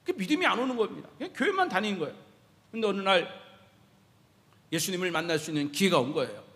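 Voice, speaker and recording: A man's voice: high voice, expressive, fast talker, a bit bright. A male pastor preaching a sermon to his congregation in a church sanctuary. He talks animatedly and keeps asking the congregation questions. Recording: echoey church hall reverb.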